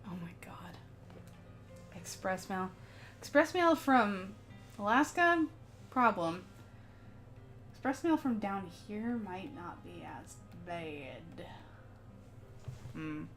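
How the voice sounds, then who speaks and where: A woman's voice: mid-range voice, lively intonation, slow pace, pauses often, a bit bright, faint music behind. A woman streaming live while she paints, chatting casually with viewers in a rambling way and laughing often.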